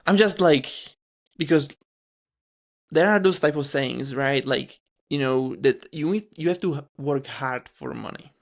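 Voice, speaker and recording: A man from the Czech Republic with a Czech accent, hosting a podcast interview and asking questions in a halting way with many restarts and fillers. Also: medium pitch, gravelly. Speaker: podcast host. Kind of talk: casual interview chat.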